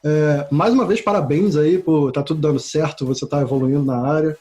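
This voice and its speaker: A man's voice: fairly high pitch, a little fast, warm tone, faint music behind. A man hosting an interview, speaking in a friendly, informal way. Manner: friendly, informal, says "cara". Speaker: interview host.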